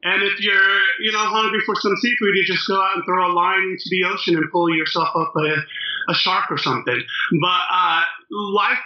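A man from Tonga answers interview questions at an easygoing pace, filling his pauses with "uh". His speaking voice sits a little high for a man. The recording is slightly dull and lo-fi. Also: steady tone. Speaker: interview guest, opera tenor and former football player.

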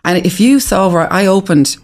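A woman with a west of Ireland accent talks casually as an interview guest. Her pitch sits in the middle range for her, and she stresses points by repeating short phrases. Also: moderate pace, darkish tone. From west of Ireland (Galway). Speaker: interview guest, restaurant founder. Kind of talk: casual conversational storytelling.

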